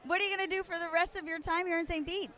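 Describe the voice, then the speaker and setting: High-voiced bubbly woman reporter. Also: fairly even intonation, rapid-fire, pushed and bright. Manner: bubbly, effusive. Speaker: sideline reporter and commentator. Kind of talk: live sports commentary and interviews.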